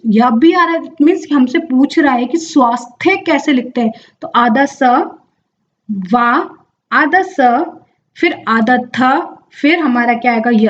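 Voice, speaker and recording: A woman's voice: high-pitched, lo-fi sound. A young woman teaching an exam-prep lesson, explaining step by step, drawing out words and answering her own questions. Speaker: Hindi exam tutor.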